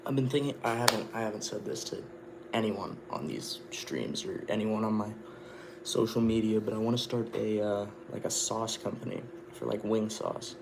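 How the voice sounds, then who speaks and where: A man's voice: fairly low pitch, animated, moderate pace. A man chatting casually on a cooking livestream, rambling along and swearing offhandedly. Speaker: livestream host. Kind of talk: casual livestream chat while cooking and eating. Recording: clearly noisy room ambience.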